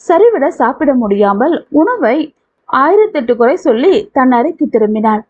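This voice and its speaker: Female audiobook narrator, high husky voice, thin phone-like sound. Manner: steady storytelling. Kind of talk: scripted narration.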